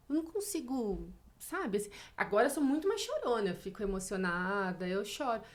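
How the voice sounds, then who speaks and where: Rather high for a woman, this Brazilian guest in her thirties talks through her own experiences in an open, reflective way. Her conversation is casual and emotional. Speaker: podcast guest.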